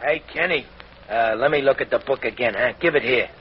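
A man's voice: mid-range voice, a little fast, breathy edge. An actor playing a greedy, pushy male sidekick who wheedles his pal, in 1940s radio acting. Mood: wheedling. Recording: muffled old radio recording.

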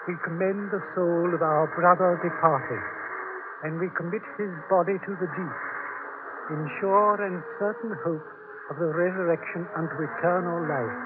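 An actor playing a humane, middle-aged naval captain who reads a burial at sea in a grave, measured way. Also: male voice, high-pitched, noisy background. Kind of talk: 1940s radio acting. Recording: tinny old radio broadcast with music.

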